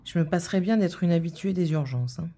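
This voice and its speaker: A woman's voice: lowish voice, quick pace, dark tone. A woman in her thirties chatting casually while stitching, telling a rambling story full of fillers. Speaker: vlogger.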